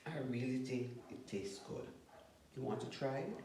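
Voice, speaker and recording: A mother tasting food and giving a calm, measured verdict in casual family chat. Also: a bass voice. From Jamaica. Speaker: vlogger's mother, taste tester. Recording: far from mic in echoey room.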